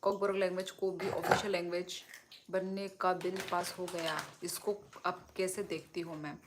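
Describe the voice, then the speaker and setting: Heavy background noise surrounds a fairly low, flat voice moving at a moderate pace. A young Kokborok speaker from Tripura, northeast India, is eating on a phone livestream, talking casually and playfully as she responds to viewer comments.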